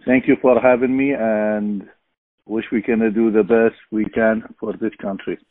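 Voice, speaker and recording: Middle-aged man, slow and halting, dry phone-line sound. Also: fairly low pitch, little pitch movement, dry recording. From Iraq. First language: Arabic. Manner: halting, searching for words, many fillers. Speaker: podcast guest. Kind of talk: casual interview.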